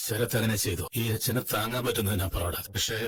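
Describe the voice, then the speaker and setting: A man's voice: lowish voice, quick pace, slight background noise, natural voice. Man voicing a weary helpless old father. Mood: resigned. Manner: calm, resigned, gently firm. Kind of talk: dubbed TV serial dialogue.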